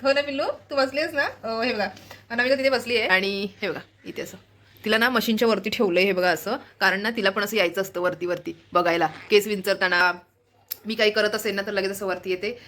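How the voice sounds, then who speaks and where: A woman's voice: mid-range voice, pushed and bright, slight background noise. A young woman chatting casually to her viewers at home as a family vlogger, laughing often and cooing at her pet bird. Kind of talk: casual chat to camera.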